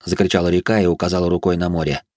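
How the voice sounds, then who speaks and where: Deep male narrator, measured fantasy audiobook reading, dry booth. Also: flat delivery, darkish tone, no room sound.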